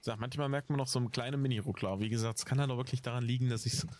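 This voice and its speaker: A man's voice: medium pitch, steady tone, racing, a little mellow, slight background noise. A man giving casual, chatty, musing Let's Play commentary as he plays. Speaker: gamer.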